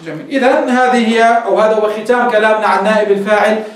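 High-voiced, fast-talking sheikh teaching grammar. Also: male voice, fairly even intonation, a little hiss or hum. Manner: keeps checking with students, asks and answers his own questions. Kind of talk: classroom grammar lesson. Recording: echoey room, voice far from the mic.

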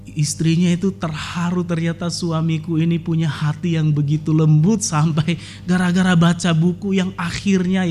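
A man's voice: high voice, a little mellow, slight background noise. A man preaching a sermon as pastor, telling a story and then building to emphatic exhortation.

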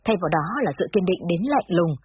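A woman narrating a first-person story in a sorrowful, measured way, in a slightly dull lo-fi recording. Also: fairly low pitch, slight background noise.

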